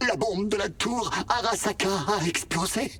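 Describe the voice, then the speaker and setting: A man playing a gentle, wry, talking vending machine in a French video game, polite and theatrical in manner. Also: sits high, moderate pace, husky, recorded from a distance. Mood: melodramatic, brave farewell. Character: chatty sentient male vending machine AI, gentle, wistful, wry.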